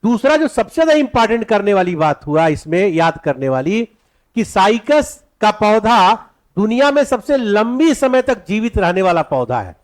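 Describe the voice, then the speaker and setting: A male teacher with a high, very animated voice leads an exam-prep class in a classroom. He keeps asking the students questions and answering them himself. He dictates each point slowly, over and over.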